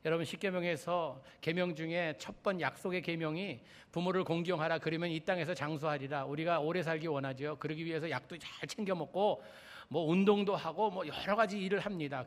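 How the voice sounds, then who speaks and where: A male pastor giving a conversational sermon, retelling conversations and building emphasis. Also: fairly high pitch. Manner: conversational preaching with rising emphasis and retold dialogue. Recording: reverberant hall.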